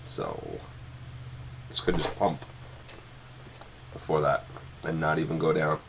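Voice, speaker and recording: A day trader streams his live trading session, muttering and repeating himself as he watches the chart and thinks aloud. His rumbling low voice is very animated yet slow, with vocal fry and slight background noise, captured on a makeshift or built-in mic rather than a proper microphone.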